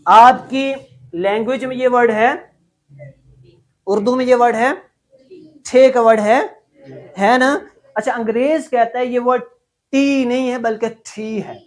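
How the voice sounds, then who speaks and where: A man's voice: very high-pitched, steady tone, measured pace, pauses often. Pakistani man teaching an English class. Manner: drills the class in loud call-and-response. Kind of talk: classroom lecture.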